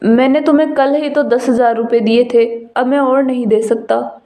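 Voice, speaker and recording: A woman voicing a stern young husband in a cartoon story. She speaks in a firm, flat way. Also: fairly high pitch, moderate pace, natural voice. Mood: refusing. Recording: echoey room sound.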